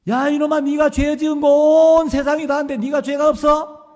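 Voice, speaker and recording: A man voicing a stern older male pastor who scolds a young man in a gruff, shouting way. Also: very high voice, little pitch movement, brisk, long reverb tail, voice pushed up. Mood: furious scolding.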